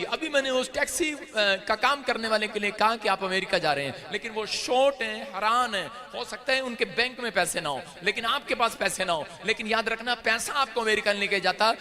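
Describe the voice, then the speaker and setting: Man preaching, high voice, very bright and cutting, fervent, building to shouts. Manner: impassioned, rising to shouts; teaching with everyday stories. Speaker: pastor. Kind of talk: sermon.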